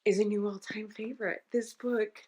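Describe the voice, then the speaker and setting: A woman's voice: medium pitch, steady tone, normal speed, darkish tone. A woman book vlogger crying as she casually shares her reaction to what she is reading.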